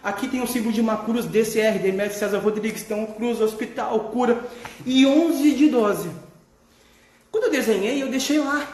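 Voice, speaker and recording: A man's voice: high voice, a little mellow. A man with a Gaúcho Brazilian accent, a therapist talking candidly in a casual vlog, swearing freely and laughing as he talks. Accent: Gaúcho Brazilian Portuguese. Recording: echoey room.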